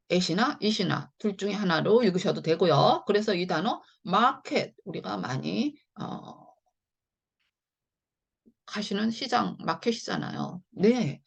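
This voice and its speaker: A woman's voice: mid-range voice, vocal fry, slightly rough. A woman teaching English phonics in a chatty, step-by-step online lesson. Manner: chatty, repeats "자" and "네" often, explains step by step.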